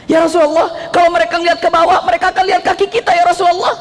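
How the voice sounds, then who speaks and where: A man's voice: extremely high pitch, level tone, racing, voice pushed up. A man acting out a devoted male companion who anxiously pleads and worries. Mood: worried pleading. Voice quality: urgent, pleading. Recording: long hall reverb.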